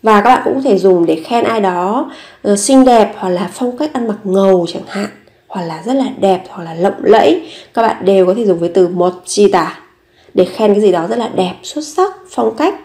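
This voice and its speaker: A woman's voice: mid-range voice, expressive, moderate pace, darkish tone. A woman teaching a language lesson, patiently repeating each phrase and explaining it step by step. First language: Vietnamese.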